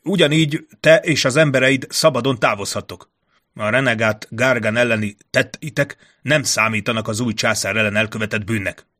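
A man's voice: medium pitch, pushed and bright. A man voicing a nervous, courtly male ambassador who stammers and fills his talk with hesitations. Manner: stammering, filler-laden, trembling.

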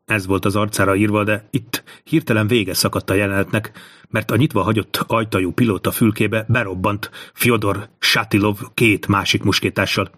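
A man narrating a thriller audiobook in a slow, measured reading. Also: fairly low pitch, steady tone, fairly bright tone, breathy edge.

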